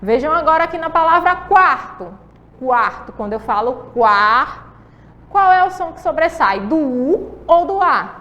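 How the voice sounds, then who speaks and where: A woman teacher with a Brazilian Portuguese accent gives children a patient, drawn-out lesson, frequently asking questions to check they follow. Her voice is extremely high, lively and fairly bright, recorded with a big-room sound and the highs cut off.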